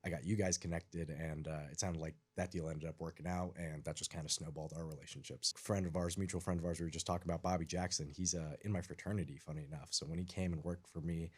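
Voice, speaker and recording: A man's voice: deep voice, steady tone, fast, few pauses, husky. A man, a podcast guest, chatting casually with lots of likes and uhs. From raised in the United States, born in Iran.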